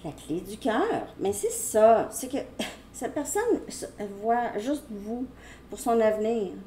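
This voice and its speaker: A woman's voice: on the high side, animated, slow, dark tone, slight background noise. A woman giving a casual tarot reading, rambling as she talks straight to the viewer. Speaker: tarot reader.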